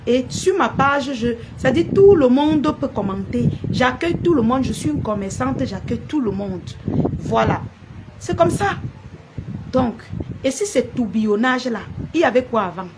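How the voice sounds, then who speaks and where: A woman blogger speaks on a live stream, scolding and confronting a rival in repeated, insistent phrases. Her voice sits slightly high. Clear noise hums behind her throughout. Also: animated, moderate pace. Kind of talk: live-stream rant to viewers. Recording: noisy background.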